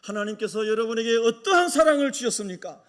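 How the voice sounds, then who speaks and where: Impassioned high-voiced male pastor. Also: animated, fast talker. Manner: impassioned, rhetorical questions to the congregation. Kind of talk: sermon.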